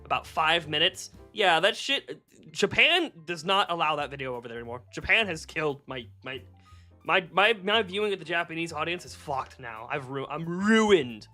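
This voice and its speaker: A streamer rambles through a casual live-stream chat, answering viewers' messages and laughing often. The delivery is bright and animated, full of swearing and quick self-corrections. Faint music plays in the background. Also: medium pitch.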